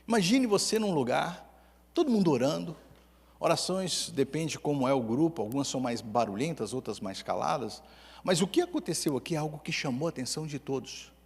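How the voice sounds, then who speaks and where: Brazilian pastor preaching in a reverberant hall. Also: male voice, a little high, fairly quick, vocal fry, breathy edge. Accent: Brazilian Portuguese. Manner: storytelling with humor, lively swings between loud and hushed. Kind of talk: sermon. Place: church hall.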